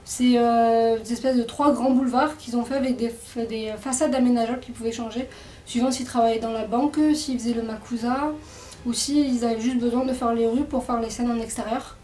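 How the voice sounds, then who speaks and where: A woman's voice: on the high side, fairly even intonation, fairly quick, warm tone, distant mic. Hesitant woman in an echoey room. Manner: hesitant, many fillers. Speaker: book reviewer. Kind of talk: casual book presentation. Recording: echoey room, away from mic.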